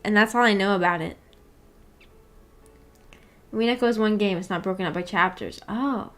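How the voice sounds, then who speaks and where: At a moderate pace, a woman with a mid-range voice chats through her visual novel book club livestream. She reads viewer comments aloud, giggling, wandering off topic and teasing herself.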